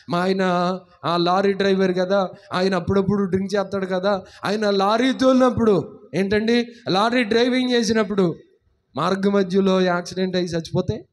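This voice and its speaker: A man voicing an anxious, tearful young wife, pleading in a fretful, hurried way during a sermon. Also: high voice, steady tone, close to an everyday voice.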